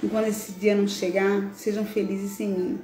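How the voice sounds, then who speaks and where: A woman with a mid-pitched voice reads a solemn text slowly, pausing between phrases. The sound is a roomy, echoey recording from a video call. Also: little pitch movement, warm tone, a little hiss or hum. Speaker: live show host. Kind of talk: solemn reading of a tribute text.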